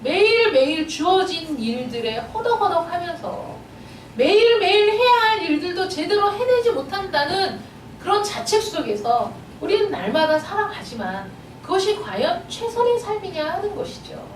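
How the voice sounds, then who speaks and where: A woman pastor preaching to her congregation, her voice very high and full of rising and falling swings. She keeps pressing earnest rhetorical questions on her listeners. The sound is roomy and echoey, picked up from some distance. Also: big pitch swings, moderate pace, a little hiss or hum. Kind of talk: sermon. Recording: echoey room, voice a bit far from the mic.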